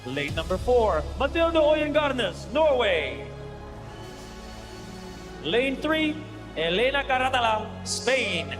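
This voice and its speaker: A booming, pumped male announcer calls out athletes in an arena. His pitch sits high and swings widely, each phrase drawn out slowly. It rings through a big hall over loud music. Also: sing-song. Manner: slow, drawn-out, booming delivery. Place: large indoor competition venue over a PA.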